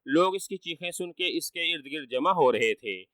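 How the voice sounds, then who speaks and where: A man narrating a children's story in a steady, measured manner, recorded on a distant dry mic. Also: a little high, no echo.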